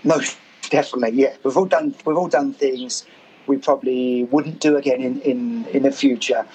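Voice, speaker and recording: A man speaking as a guest author in a podcast interview, his voice croaky from performing, hesitant and full of ums and repeated words. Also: medium pitch, fairly even intonation, moderate pace, darkish tone, poor audio. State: croaky voice after a gig. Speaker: guest, author and working musician.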